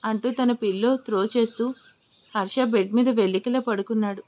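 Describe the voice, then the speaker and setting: Woman narrating in a fairly high voice. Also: fairly even intonation, brisk, a little mellow, highs cut off. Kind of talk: storytelling narration.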